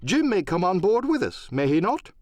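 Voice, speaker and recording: A man voicing a frank, genial gentleman doctor in an audiobook, with polite, measured phrasing. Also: sits high, sing-song, no echo, voice pushed up. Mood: approving. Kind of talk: audiobook radio-play character acting.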